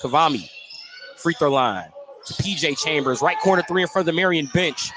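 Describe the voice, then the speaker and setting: A slightly high, somewhat bright male voice, a touch quick, handles live radio play-by-play of basketball. He sits courtside in a school gym, detailing each move in clipped phrasing, with plenty of noise in the live gym broadcast.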